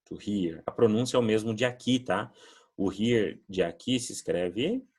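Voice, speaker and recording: A man's voice: fairly low pitch, moderate pace, a little mellow, slightly rough. A Brazilian man teaching an English lesson, patiently explaining words and modelling pronunciation drills. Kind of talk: recorded classroom lesson.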